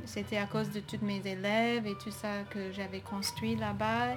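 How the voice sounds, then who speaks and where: A woman's voice: mid-range voice, flat delivery, moderate pace, music in the background. A woman from the United States, a native English speaker, speaking French with an American accent as an interview guest. She talks hesitantly and often searches for her words. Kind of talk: interview conversation.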